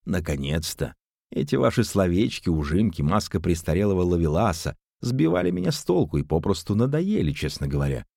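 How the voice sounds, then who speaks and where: A man voicing a calm young male detective who speaks with polite, dry irony. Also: low voice, brisk, vocal fry, dry recording, heavily acted. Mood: ironic.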